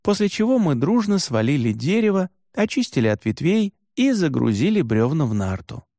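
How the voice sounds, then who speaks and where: A man narrating a first-person travel story as an audiobook, calm and storytelling, with expressive intonation, on a close studio mic. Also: on the high side, normal speed, no room sound.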